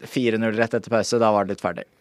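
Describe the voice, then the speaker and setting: A man's voice: lowish voice, steady tone, no echo. A man from northern Norway with a North Norwegian accent, chatting casually as co-host of a football podcast. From Bodø in northern Norway. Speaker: co-host, sports journalist and commentator.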